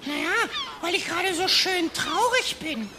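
Sad little stage penguin, really high and slow, noisy recording. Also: male voice, lively intonation. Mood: wistful. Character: melancholy, childlike male penguin in children's stage play. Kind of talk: children's theatre acting.

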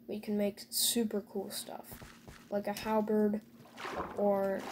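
A woman's voice: mid-range voice, mellow, a little hiss or hum. A woman casually commentating her own gameplay, talking to viewers with joking asides and dry sarcasm.

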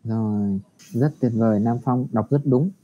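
A man teaching English to young children in an online class, patient and encouraging, reading the model phrases slowly for them. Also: medium pitch, very noisy. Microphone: computer mic on a video call. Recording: dull lo-fi video call audio.

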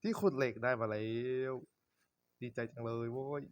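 A young man, a gaming YouTuber, talks to himself while playing Minecraft survival, giving casual let's-play commentary full of swearing. His voice is medium-pitched and expressive, at a normal pace, with no echo.

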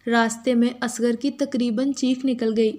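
A woman with an Urdu accent reading a first-person story as a steady, even narrator. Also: on the high side, a little slow.

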